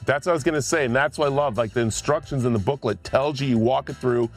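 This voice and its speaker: A man hosts a TV interview with a mid-pitched voice. He chats with an enthusiastic, playful energy. Faint music plays underneath. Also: quick pace. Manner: enthusiastic and playful, building suspense. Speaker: TV host. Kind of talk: interview chat.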